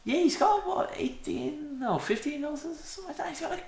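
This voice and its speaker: Male host, dry and teasing, animated pitch, roomy sound. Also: normal speed. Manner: dry, teasing, steers the talk. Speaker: podcast host. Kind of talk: casual football chat. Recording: echoey room.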